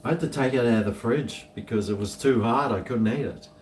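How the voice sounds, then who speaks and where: Talking to viewers in his kitchen, a broad-accented New Zealander muses out loud and wanders from point to point in an easygoing manner. His medium-pitched voice moves fairly quickly; the echoey room, distant mic, and faint noise are audible.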